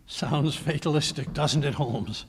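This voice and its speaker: A man's voice: on the high side, a little slow, slight background noise, lightly acted. A man acting a flustered, anxious English doctor sidekick in a 1940s-style radio drama, blustering and stammering. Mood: grumbling.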